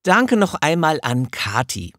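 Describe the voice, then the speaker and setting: A man's voice: on the high side, big pitch swings, a little slow. A man hosting a podcast interview in a studio, asking questions and wrapping up with friendly thanks. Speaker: podcast host.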